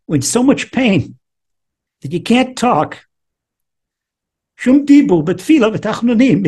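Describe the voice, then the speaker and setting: Husky-voiced rabbi teaching Torah. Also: male voice, extremely high pitch, a little mellow. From Israel. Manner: quotes Hebrew text then translates, emphatic. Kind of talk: Torah lesson.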